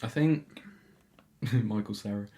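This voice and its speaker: Young British man, podcast co-host, low voice, earnest, repeats points. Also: slow, mellow. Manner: earnest, emphatic, repeats himself. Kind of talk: casual chat.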